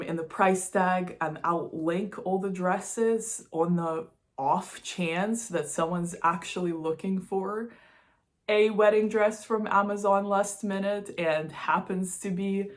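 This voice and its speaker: This Moscow vlogger has a fairly low, slightly bright voice. Recording indoors in a studio, she talks casually and candidly to her viewers in a confessional style, stressing key words.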